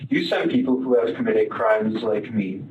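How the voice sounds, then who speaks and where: A man being interviewed as a suspect, talking in a halting, flat, matter-of-fact way. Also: fairly low pitch, muffled recording. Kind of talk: police interview. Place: police interview room. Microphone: far-off room camera. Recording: echoey noisy room from far off.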